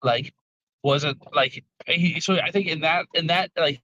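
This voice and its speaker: A man's voice: fairly high pitch, measured pace, sharp tone, no room sound. A man taking part in a casual chat about a game over a car speakerphone while he drives. He thinks aloud and rambles. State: talking while driving. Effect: car speakerphone call. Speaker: tabletop game player. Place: in a moving car. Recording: dull lo-fi call audio, dropping in and out.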